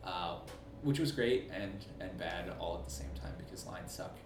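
A man in his thirties from Cleveland, co-owner of an ice cream shop, talking in a relaxed, halting way with many fillers in an interview. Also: low voice. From suburbs of Cleveland, US. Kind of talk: casual interview. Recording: echoey room, distant mic, noisy.

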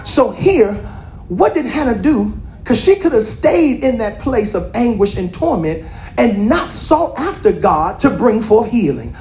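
A woman with a high voice preaches a lively sermon. She calls out and teases her congregation. Her delivery swings between shouted lines and quieter asides. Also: measured pace, echoey room, a little hiss or hum.

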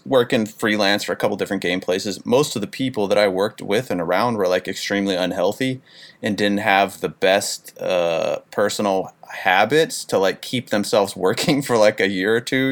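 A man hosting an interview, asking thoughtful, somewhat hesitant questions in a casual way. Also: lowish voice. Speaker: interviewer, podcast host. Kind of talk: casual conversation.

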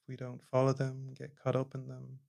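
A man leading a guided meditation, speaking slowly and calmly, his phrases trailing off softly at the ends. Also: mid-range voice, creaky. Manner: slow, calm, soft-spoken, trailing off quietly at phrase ends. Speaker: meditation teacher.

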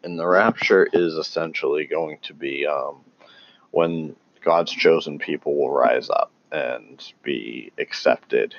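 A man talking casually and haltingly about scripture, with many pauses and restarts. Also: rumbling low, creaky, highs cut off. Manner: calls himself tongue-tied. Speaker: religious commentator. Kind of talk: casual unscripted talk on scripture.

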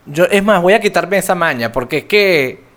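Casting: male podcast co-host, fairly high voice, animated intonation, joking colloquial chat, noisy clicky recording. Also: moderate pace.

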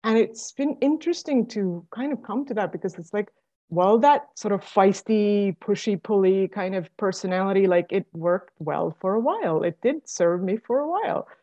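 A woman's voice: mid-range voice, expressive, moderate pace, dark tone. A woman in her forties from Estonia, talking reflectively in a casual conversation, full of fillers and restarts. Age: 40s. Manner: hesitant, many fillers and restarts. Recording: dull lo-fi sound.

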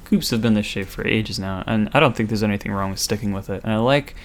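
A man co-hosting a casual podcast, easygoing, chiming in with quick reactions and the odd curse. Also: fairly low pitch. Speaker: podcast co-host. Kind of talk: casual chat.

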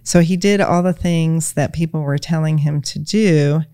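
A woman as a podcast guest, talking in a gentle, reflective way with many "you know"s. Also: deep voice, normal speed, dry recording, studio quality. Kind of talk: casual conversation, retelling a children's story.

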